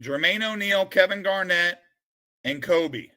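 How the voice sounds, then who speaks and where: A man streaming live as he sorts through a collection, calling out names with bursts of excitement and then dropping into quiet muttered asides. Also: high voice, unhurried. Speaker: sports card streamer opening a collection. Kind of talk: live-stream commentary while sorting cards.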